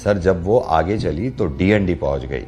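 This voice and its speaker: A man's voice: low-pitched, lively intonation, measured pace, darkish tone, faint music behind. Teasing male radio host. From based in Delhi. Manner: teasing, storytelling, chatty. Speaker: radio host making prank calls. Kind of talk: playful prank call banter. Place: radio studio.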